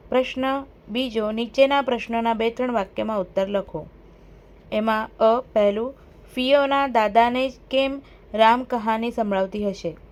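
A woman teacher, reading out workbook questions and answers in a steady, dictating way. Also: a little high.

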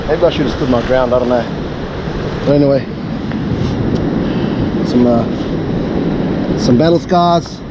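A man's voice: mid-range voice, slow pace, pauses often, dull audio. A man in his thirties with an Australian accent, chatting casually to an action camera while fishing from coastal rocks. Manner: laid-back, says "bro" and "man". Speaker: fishing vlogger. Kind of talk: casual outdoor commentary. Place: coastal rock ledge outdoors by crashing surf. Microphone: action camera, head or chest mounted. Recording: outdoor camera audio with loud wind and surf. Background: waves and wind.

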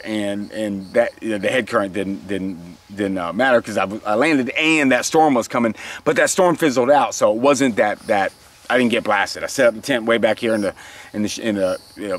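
A kayak travel vlogger in his forties talks casually to his camera on a beach beside open water, recounting his day in a casual outdoor video diary. His voice is on the low side and a bit bright, and he rambles haltingly with frequent restarts and small laughs, recorded close up on a handheld camera or lapel mic.

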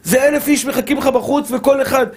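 A man's voice: extremely high pitch, steady tone, darkish tone, husky. A male rabbi giving a Torah lesson to a live audience, speaking emphatically, repeating phrases and calling his listeners dear brothers.

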